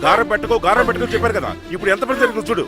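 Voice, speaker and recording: An actor playing a stern, quick-tempered wealthy father who scolds and threatens. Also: high-pitched, close to an everyday voice. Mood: angry. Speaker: angry father. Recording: film soundtrack with loud music.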